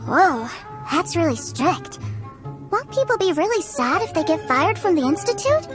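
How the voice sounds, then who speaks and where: Excitable high-pitched little boy Teucer. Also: moderate pace. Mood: curious. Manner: wide-eyed, excitable. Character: eager, innocent little boy, adoring younger brother. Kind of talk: video game voice acting. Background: background music.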